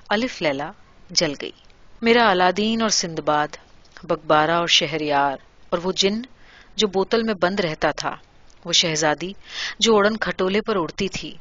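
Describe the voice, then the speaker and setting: A woman reading a literary story aloud in a measured, quiet way. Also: fairly low pitch, no echo, lo-fi sound.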